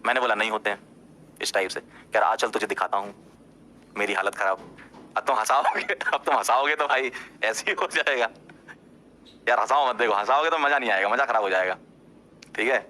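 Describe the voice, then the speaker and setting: A man's voice: fairly quick, a little hiss or hum. A man, a teacher, casually telling a story to his class, talking straight to his listeners and often checking in with them. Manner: animated, jumps up in pitch when insisting.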